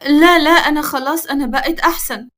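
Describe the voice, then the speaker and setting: A woman's voice: sits high, brisk, a bit bright, pitched above the performer's own voice. Woman voicing a timid, frightened young village girl. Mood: shy. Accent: Upper Egyptian. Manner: pleading, apologetic.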